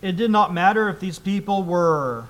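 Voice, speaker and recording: A man preaching a sermon, reading scripture aloud with rising emphasis and then explaining it in a quieter, conversational tone. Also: high voice, lively intonation, moderate pace.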